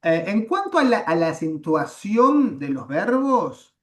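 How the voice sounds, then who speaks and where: A man teaching a Latin class over a video call, explaining patiently with frequent "eh" and "em" pauses. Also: high voice, big pitch swings, fairly bright tone. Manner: patient, corrects students, fills pauses with "eh" and "em".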